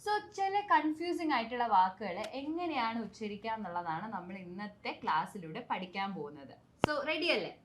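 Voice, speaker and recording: A young woman from Kerala hosting a bilingual language lesson, teaching English pronunciation and repeating words slowly and carefully to model them. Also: medium pitch, big pitch swings, a little hiss or hum.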